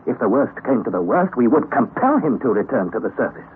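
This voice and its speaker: Speaking a little fast, this man has a medium-pitched, very animated voice with a lightly acted quality. In an old radio drama he plays a young nephew and narrator telling of his exhausting underground expedition, earnest and dramatic, on a tinny recording with faint hiss.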